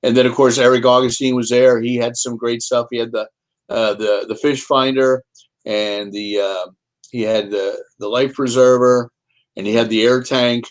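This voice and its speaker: Male guest author; chatty, rambling storyteller, middle pitch. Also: little pitch movement, moderate pace. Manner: rambling, repeats words and restarts. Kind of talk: casual storytelling chat. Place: home, Kansas City.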